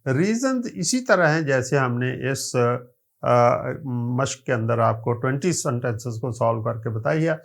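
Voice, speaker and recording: A man's voice: medium pitch, animated, gravelly. A man with a Pakistani accent teaching English vocabulary in a recorded lecture, spelling words out letter by letter and mixing Urdu with English terms. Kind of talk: recorded exam-prep lecture.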